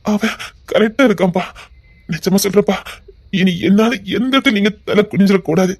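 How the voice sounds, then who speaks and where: An actor playing a remorseful young son who makes earnest, emphatic vows, with a fairly high voice. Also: male voice, normal speed. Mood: determined. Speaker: actor in a television serial. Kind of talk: television drama acting.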